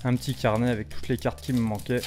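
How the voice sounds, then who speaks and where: A man in his thirties opening trading cards on his channel, chatting casually and exclaiming loudly over his pulls. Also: medium pitch, level tone, fast talker, background noise. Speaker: card-opening YouTuber. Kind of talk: casual vlog commentary.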